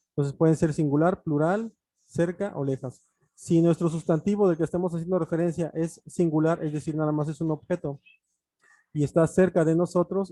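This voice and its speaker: A man's voice: fairly high pitch, dark tone, no echo. A man teaching an online English grammar lesson, explaining patiently with frequent fillers and restarts.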